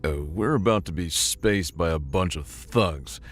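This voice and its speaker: A man's voice: sing-song, unhurried, slightly rough, full character voice. A man voicing a panicky, sarcastic young male junker in a sci-fi audiobook. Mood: panicked. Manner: panicky, sarcastic, squeaky when scared.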